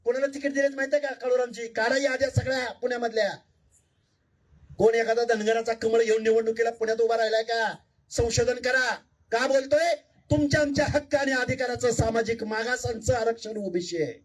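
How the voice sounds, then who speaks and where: A man with a raised, high-pitched voice delivers a fiery speech at a public meeting, caught from a distance by the microphone. He pleads earnestly with the crowd and keeps hammering them with rhetorical questions. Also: steady tone, a little fast. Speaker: political speaker at a public meeting. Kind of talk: fiery political rally speech.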